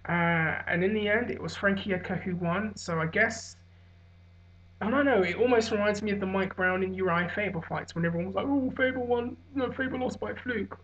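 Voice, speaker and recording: A hungover man giving a casual, rambling solo recap as a vlogger, musing and hesitant with trailing pauses. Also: high-pitched, fairly bright tone. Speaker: vlogger giving fight commentary. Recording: dull, lo-fi sound.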